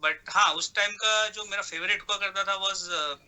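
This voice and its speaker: A male actor answers interview questions with a very bright, sharp-edged voice that sits slightly high for a man. He pauses on fillers and slips English phrases in. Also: smooth, poor audio. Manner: mixes English phrases into Hindi talk; hesitant fillers before answers.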